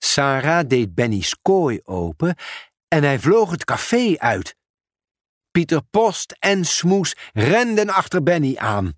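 Slow, expressive male storybook reader. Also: fairly high pitch, no echo, clean studio sound. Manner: expressive, unhurried reading. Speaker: narrator. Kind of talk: storybook read-aloud narration.

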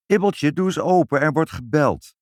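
A man voicing a kindly, bustling mother in a high, brisk voice. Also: very animated, no room sound, clean studio sound. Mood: calling.

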